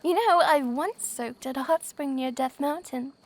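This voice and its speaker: A woman playing a gentle, easily flustered young princess in a soft, polite, formal ASMR roleplay style. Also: high-pitched, moderate pace, lightly acted. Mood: playful, proud.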